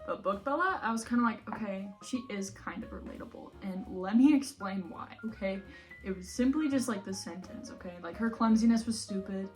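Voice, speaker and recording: A young American woman talks in a casual vlog style at an ordinary female pitch. She rambles, pokes fun at herself and leans on filler words like a friend hanging out. Music plays behind her voice. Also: fairly quick. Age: young adult. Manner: rambling, self-deprecating, giggly, peppered with 'like'. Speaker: vlogger. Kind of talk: casual chatty vlog while organizing books. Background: background music.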